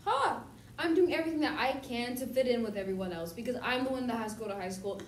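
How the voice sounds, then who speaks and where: A woman's voice: fairly high pitch, fast, lightly acted. A young woman playing a defensive sixteen-year-old daughter who talks in casual teen slang, in a student skit. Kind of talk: student skit role-play. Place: classroom with a table. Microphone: far camera. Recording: distant echoey room, some noise.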